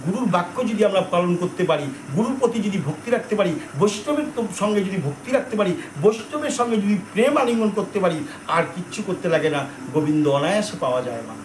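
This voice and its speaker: Brief: high-pitched male preacher, chatty sermon storytelling, echoey hall. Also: animated, quick pace. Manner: conversational, addresses listeners as mother, asks questions. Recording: echoey room with faint noise.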